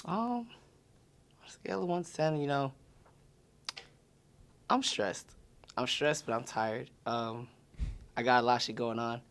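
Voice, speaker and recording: A man's voice: mid-range voice, measured pace, long pauses, fairly bright tone. A man, answering interview questions in a loose, rambling way, full of "like" and "you know". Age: 20s. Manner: loose and rambling, heavy use of "like". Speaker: featured artist. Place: studio or room.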